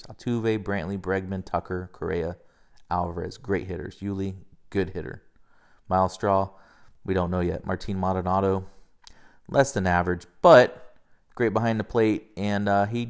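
A casual, rambling man in his thirties from the United States, with a somewhat low voice. He talks loosely and profanely, drifting between stats and stories, and his voice climbs and gets heated when he argues a point. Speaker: podcast host. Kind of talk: casual sports chat.

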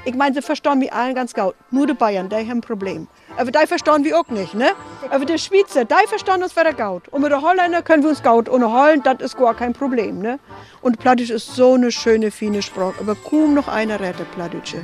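A woman museum guide tells stories in a chatty way, tagging her lines with "ne?". Her voice sits high. Soft music plays faintly behind her. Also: animated, a little fast. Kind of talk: casual storytelling.

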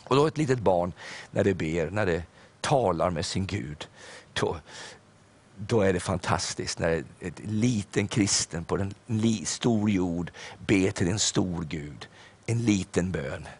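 Older man preaching, low voice. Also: expressive, slightly rough. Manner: storytelling, earnest, with filler hesitations. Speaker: pastor. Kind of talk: sermon.

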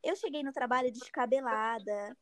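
A woman in her thirties casually telling a personal story in an animated way, acting out her own cries and other people's words. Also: on the high side, moderate pace, no room sound, clean studio sound. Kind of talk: casual chat.

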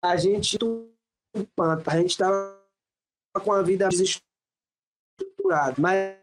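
A man's voice: sits high, takes it slowly, over music. Guest, male, slangy storyteller; audio choppy and cutting out like a bad video call. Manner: slangy street talk, keeps addressing the listener. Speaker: guest telling his story. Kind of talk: casual podcast storytelling over a call.

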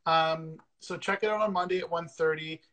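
A man's voice: fairly high pitch, steady tone, normal speed, a bit bright, low-quality recording. A man hosting a casual livestream interview over a video call, upbeat and chatty with frequent fillers. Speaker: podcast host.

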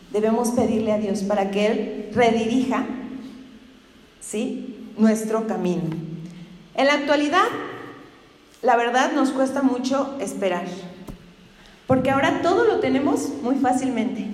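A woman's voice: a little high, darkish tone. A woman preacher giving a conversational sermon in a church, often turning to the congregation with questions. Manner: chatty, keeps asking the congregation questions. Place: church hall. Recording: echoey hall with long reverb.

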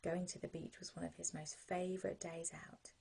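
Narrating a sleep story, a British woman gently guides the listener with no hurry at all. Her low, very breathy voice carries a soft, mellow warmth, suited to calming bedtime storytelling for children.

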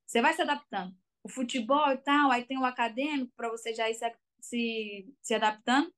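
A young Brazilian woman with a Brazilian Portuguese accent, chatting casually as an interview guest and telling her story with lots of fillers. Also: a little high. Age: young adult. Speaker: guest, college soccer player.

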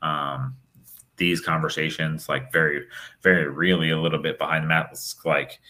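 Young male podcast co-host, extremely low voice, loose unscripted chat full of "like" and "you know". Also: steady tone, normal speed, pushed and bright. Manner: rambling, lots of fillers and restarts. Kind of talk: casual chat.

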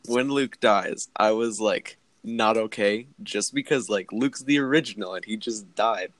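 A young man hosting a casual chat, enthusiastic and halting, often laughing. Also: on the low side, a bit bright, slight background noise.

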